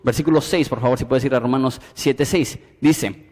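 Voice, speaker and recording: A man's voice: mid-range voice, moderate pace, long reverb tail. A man preaching a Bible study sermon, acting out dialogue and reading scripture aloud. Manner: animated, acts out dialogue and reads scripture aloud. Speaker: pastor.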